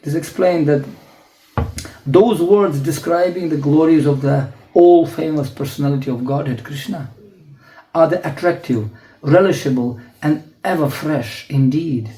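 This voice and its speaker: A male spiritual teacher, telling stories in a sermon with frequent laughter and animated acted-out voices. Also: on the high side, measured pace. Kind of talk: storytelling sermon. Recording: echoey lecture hall.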